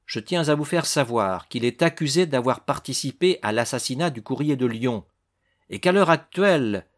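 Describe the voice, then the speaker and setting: A man's voice: medium pitch, voice pushed up, natural voice. A man voicing a stern male judge who questions a suspect severely, with a raised, insistent voice.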